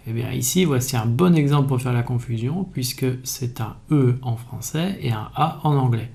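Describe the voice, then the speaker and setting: Mellow-voiced man teaching spelling. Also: mid-range voice, moderate pace, vocal fry. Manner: calm, methodical explaining. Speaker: French language teacher. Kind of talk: explanatory video lesson.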